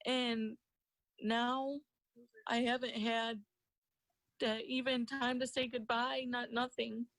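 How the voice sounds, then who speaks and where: A woman's voice: fairly high pitch, flat delivery, slow, fairly bright tone, no room sound, low-quality recording. A woman recounting personal experience in a news interview, in plain, colloquial speech.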